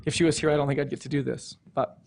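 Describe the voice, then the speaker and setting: Guy on city council reading a proclamation, pretty flat, bit of creak, stumbles here and there. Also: a little high, racing. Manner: stumbles over words and corrects himself. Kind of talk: formal read-aloud proclamation at a council meeting.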